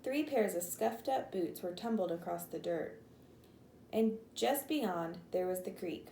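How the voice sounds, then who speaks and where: A woman's voice: lowish voice, expressive, a little slow, mellow, roomy sound, a little hiss or hum, rough recording. A woman teacher reads a chapter book aloud to her class, lifting her voice for the characters' lines and stopping now and then to explain a word.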